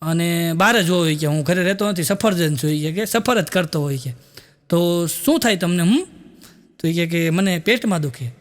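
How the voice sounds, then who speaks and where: A stand-up comedian with a fairly high voice tells folksy jokes to a live audience, speaking briskly with hardly any pauses. He acts out the people he quotes in his stories.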